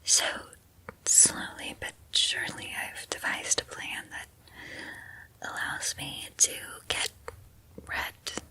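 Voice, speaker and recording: A woman's voice: sharp tone, rough recording. Woman as a whispering obsessive student, whispered role-play. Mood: quietly menacing. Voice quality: breathy whisper, mostly unvoiced. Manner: hesitant, halting, intimate confiding. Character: obsessive lovestruck female student turned captor, soft-spoken and unhinged.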